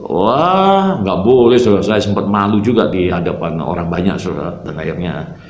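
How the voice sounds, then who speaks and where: A man's voice: deep voice, steady tone, quick pace, darkish tone, highs cut off. A man, a pastor, telling his personal faith testimony in an earnest storytelling way, calling his listeners "brother" after nearly every phrase. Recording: roomy echo.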